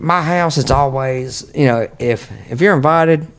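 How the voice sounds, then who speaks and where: A man's voice: on the high side, measured pace. A man in a casual podcast chat as a guest, rambling in a folksy way and cursing often. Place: at home.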